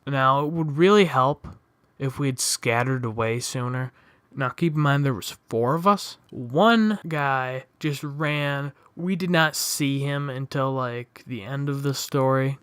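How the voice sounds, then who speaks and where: A young man tells a personal story in a sardonic, offhand way, with frequent swearing. His voice is bright and crisp. It is recorded close and dry, with no room sound. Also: mid-range voice, no echo. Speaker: storytime vlogger. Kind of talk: casual storytime narration.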